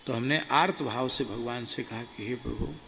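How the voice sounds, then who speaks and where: A man, a monk, telling of a spiritual experience in a slow, earnest, subdued way. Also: mid-range voice, vocal fry, bright, forceful tone. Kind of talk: devotional storytelling. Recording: reverberant hall, faint ambient noise.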